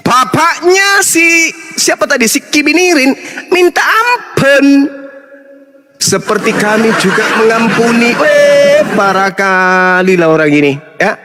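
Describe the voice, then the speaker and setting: A man preaching in a fiery, mocking style, with emphatic shouts and laughter. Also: extremely high pitch, very animated, slow, big-room sound. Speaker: Islamic preacher in a debate.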